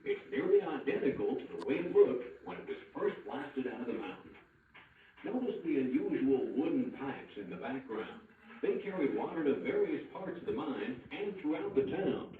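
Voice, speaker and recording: Man, recorded tour narration, cave echo in a mine tunnel, tinny and distant, lively intonation. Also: mid-range voice, slight background noise. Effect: cave echo from a loudspeaker playing in a mine tunnel.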